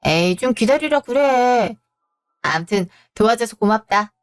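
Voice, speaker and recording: A woman's voice: a little high, expressive, a little slow, soft background music. A woman voicing an upbeat, encouraging friend who runs an academy, in a scripted audio drama.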